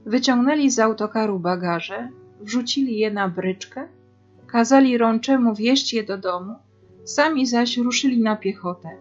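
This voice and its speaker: A woman teacher reading a children's novel aloud in an expressive storytelling manner. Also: on the high side, normal speed. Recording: dull lo-fi with faint guitar.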